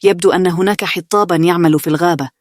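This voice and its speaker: A woman's voice: fairly low pitch, steady tone, rapid-fire, no room sound, studio quality, close to an everyday voice. A woman reading the part of a sarcastic older brother, a young man, in a bedtime story. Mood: jeering. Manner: sarcastic, jeering.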